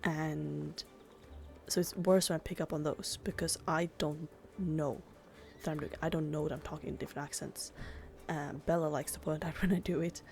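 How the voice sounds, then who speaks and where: Chatty woman with a gravelly voice. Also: deep voice, steady tone, moderate pace, darkish tone, faint music behind. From Sweden. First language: Swedish. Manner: chatty and rambling, full of "like" fillers. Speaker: gaming YouTuber. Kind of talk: casual gameplay commentary.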